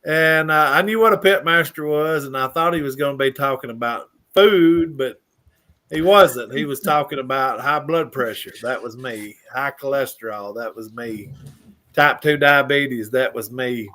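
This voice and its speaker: A man's voice: mid-range voice, moderate pace, sharp tone. A man from Mississippi with a Southern accent, telling his story in a folksy, casual way. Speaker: guest sharing his story.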